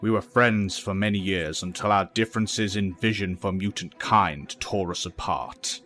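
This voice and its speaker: In an audio drama, a male actor with a low-pitched voice plays a calm, grave older professor who mentors young people, speaking in a measured, authoritative way.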